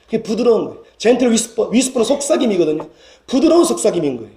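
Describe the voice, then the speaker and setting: Gyeongsang pastor preaching in an echoey church. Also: male voice, big pitch swings, rapid-fire, warm tone. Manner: earnest preaching that rises in pitch and volume for emphasis. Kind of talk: sermon. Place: church sanctuary.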